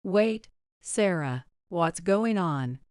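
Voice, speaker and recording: A woman voicing a flustered, startled husband in a spoken story, with a smooth, dry sound. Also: on the low side, animated, very slow, darkish tone, no room sound. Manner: startled, stammering questions. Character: flustered caught-out husband, adult man. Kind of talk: scripted story narration.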